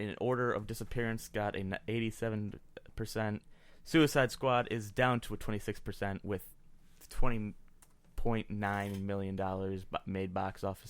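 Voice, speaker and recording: There's no echo on this fairly low-pitched male podcast host. He rambles casually, interrupting himself and restarting many times as he goes through movie ratings.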